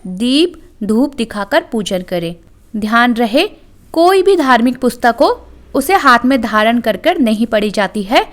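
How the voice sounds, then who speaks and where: High-voiced woman explaining a ritual. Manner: calm step-by-step explaining. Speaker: devotional channel presenter. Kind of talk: scripted instructional narration.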